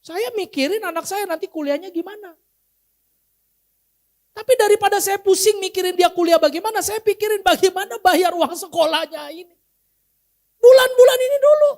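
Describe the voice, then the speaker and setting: A man's voice: very high-pitched, brisk. A male pastor giving a sermon in a casual, humorous way, often quizzing the congregation. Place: church.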